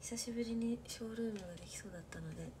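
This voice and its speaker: A woman's voice: a little high, racing, heavy background noise. A young woman chatting casually on a late-night livestream, often dropping into whispers. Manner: chatty, soft-spoken, drops to whispers, laughs often. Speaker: live streamer. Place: bedroom at night.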